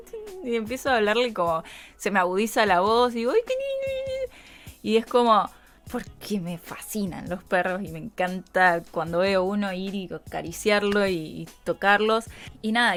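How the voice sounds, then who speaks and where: A woman with an Argentine accent, a voice coach hosting a reflective solo podcast, talking conversationally and often checking in with her listeners. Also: fairly low pitch. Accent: Argentine Spanish. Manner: conversational, frequent tag questions to listeners.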